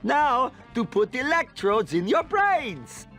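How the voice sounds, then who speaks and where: A man's voice: very high-pitched, very animated, slow pace, music in the background, heavily acted. A man voicing a cheerful, shady middle-aged quack doctor in a cartoon game, with a breezy singsong manner.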